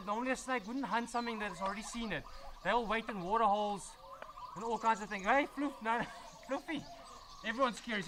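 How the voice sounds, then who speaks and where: A man's voice: very high-pitched, background noise. A man presenting a casual wildlife vlog outdoors at an animal sanctuary, chatty and enthusiastic as he handles a large snake.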